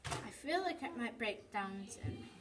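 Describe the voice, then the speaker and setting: A woman reading her own story aloud, slowly and haltingly, with restarts. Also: a little high, lively intonation, low-quality recording. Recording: voice from off the mic, people chattering behind.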